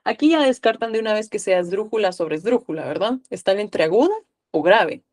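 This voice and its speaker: A woman's voice: medium pitch, animated, a little fast, darkish tone. A woman from Guatemala with a Guatemalan accent, tutoring a live online class and coaxing students with questions.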